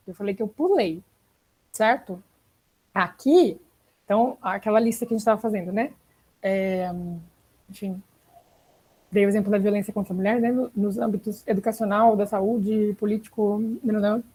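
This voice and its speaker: A woman's voice: medium pitch, moderate pace, pauses often, dark tone, slightly rough, low-quality recording. A young woman with a Brazilian Portuguese accent teaching an online writing class in a chatty way, often checking in with the students. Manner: chatty, frequent "né?" and "tá?" check-ins.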